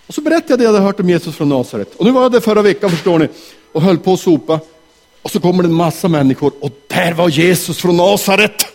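A man telling a Bible story to children in character, animated and asking them questions. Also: high voice. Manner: animated, asks the audience questions. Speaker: children's talk leader.

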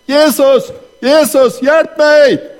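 A man voicing a blind male beggar who shouts and pleads for help. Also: high voice, flat delivery, big-room sound, natural voice. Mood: desperate shouting.

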